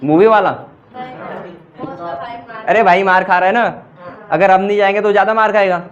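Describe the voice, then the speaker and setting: In a classroom grammar lecture, a high-voiced man teaches English by explaining in Hindi, reading English example sentences aloud, and quizzing his students constantly. He keeps a steady tone at normal speed. The recording sounds dull and lo-fi.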